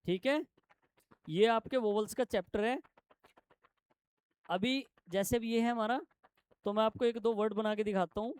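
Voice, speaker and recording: A man teaching shorthand to a classroom, explaining step by step and quizzing his students with quick questions. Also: high-pitched, steady tone, a little mellow, clear, resonant tone, no echo. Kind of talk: classroom lesson.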